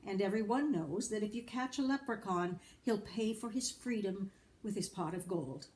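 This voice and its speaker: With a medium-pitched, slightly mellow voice at a moderate pace, a woman tells a children's folktale aloud. She reads it expressively, storyteller-style, with dramatic stress and brief asides to the listeners.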